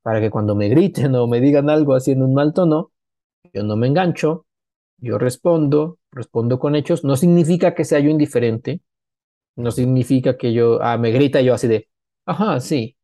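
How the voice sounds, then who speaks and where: A man's voice: medium pitch, normal speed, no room sound, studio quality. A middle-aged man, a consultant talking casually on a podcast and acting out the people in his stories. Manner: animated storyteller, acts out quoted dialogue. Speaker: business consultant, podcast guest.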